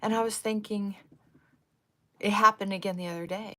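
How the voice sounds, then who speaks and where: Doing her makeup on a livestream, this sixties-aged host talks in a relaxed, rambling way, drifting between topics and now and then lowering to a gentle murmur. Her pitch is medium, her tone steady, and her pace moderate.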